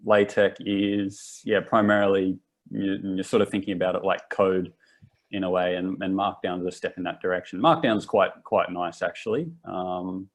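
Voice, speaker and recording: A man's voice: low voice, steady tone, moderate pace. A young Australian man in his twenties hosting a live workshop in a laid-back, rambling way, often restarting his sentences. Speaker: workshop host. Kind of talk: casual live workshop talk.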